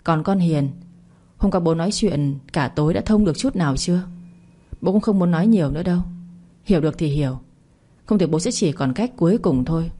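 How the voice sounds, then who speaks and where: A woman's voice: lowish voice, lively intonation, brisk, warm tone. Woman voicing a stern old father-in-law. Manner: curt, commanding. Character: stern elderly father-in-law, head of family.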